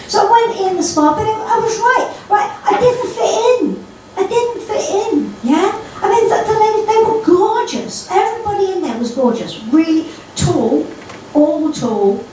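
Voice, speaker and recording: Cheeky end woman doing standup, high lively voice, echoey far-off sound. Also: a little hiss or hum. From East London. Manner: chatty, cheeky, addresses the audience directly. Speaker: stand-up comedian. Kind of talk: stand-up comedy routine. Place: comedy stage. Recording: echoey room, mic far off.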